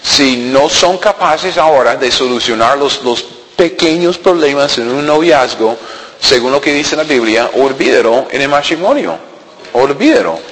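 A man's voice: medium pitch, animated, unhurried, fairly bright tone. A man teaching a Bible class in a church hall, joking and firing rhetorical questions at his listeners. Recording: long hall reverb.

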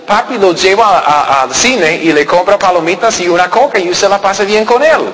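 A pastor preaching a sermon with emphasis, asking rhetorical questions and answering them himself, repeating key phrases. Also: male voice, sits high, fairly bright tone. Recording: long hall reverb.

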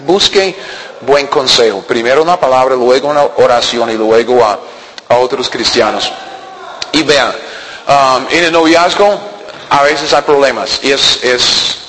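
A man's voice: mid-range voice, fairly bright tone, slight background noise. A man teaching a Bible class in a church hall, joking and firing rhetorical questions at his listeners. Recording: long hall reverb.

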